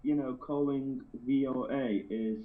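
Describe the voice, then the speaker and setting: An Iranian man whose native language is Azerbaijani chats casually as a caller on a phone-in show, repeating words and often saying "you know." His mid-range voice has fairly even intonation and a measured pace. The audio is thin and phone-like, as from an internet call.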